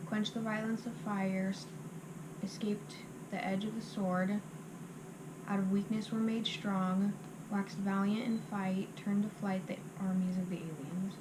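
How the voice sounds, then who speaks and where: A woman reciting scripture from memory by rote, in short halting phrases, sometimes restarting them. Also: medium pitch, fairly even intonation. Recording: clearly noisy amateur recording.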